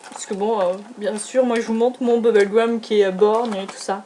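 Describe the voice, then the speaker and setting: A woman's voice: mid-range voice, steady tone, normal speed, warm tone, slight background noise. A young adult woman chatting casually through a beauty product haul, gushing and hesitant, with many fillers and restarts. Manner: enthusiastic, gushing. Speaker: beauty vlogger.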